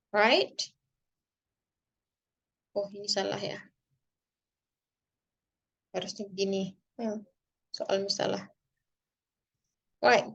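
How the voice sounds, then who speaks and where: A woman with an Indonesian accent teaching English grammar, explaining slowly and deliberately and switching between English and Indonesian. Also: medium pitch, a bit bright. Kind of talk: online grammar lesson.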